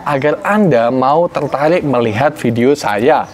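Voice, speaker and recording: A young Indonesian man teaching public-speaking tips in an online tutorial, with lively, exaggerated intonation. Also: medium pitch, measured pace.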